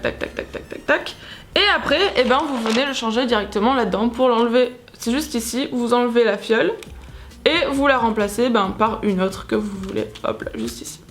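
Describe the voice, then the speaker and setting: High-voiced chatty young woman vlogger. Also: fairly bright tone. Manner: chatty, many fillers, sound effects like pchit and tac. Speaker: beauty vlogger. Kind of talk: casual product demo.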